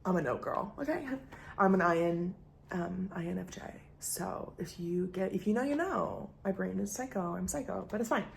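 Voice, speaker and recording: A woman's voice: fairly low pitch, normal speed, vocal fry, a little hiss or hum. A young woman rambling casually in a vlog, self-mocking, often dropping into whispers. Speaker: vlogger. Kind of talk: casual chat. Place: indoors at home.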